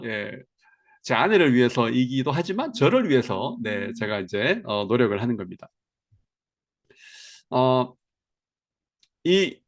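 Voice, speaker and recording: A middle-aged man teaches a seminar on communication. His voice swings widely in pitch, and he keeps the room engaged with questions he then answers himself. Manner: animated, asks the audience questions. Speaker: lecturer on counseling.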